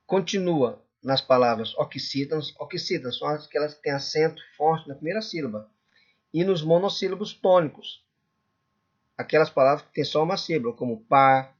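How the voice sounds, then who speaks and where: A male Portuguese teacher giving a classroom lecture, often checking in with the class and drawing out example words slowly. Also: on the high side, highs cut off. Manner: checks in constantly with "correto?" and "tudo bem?".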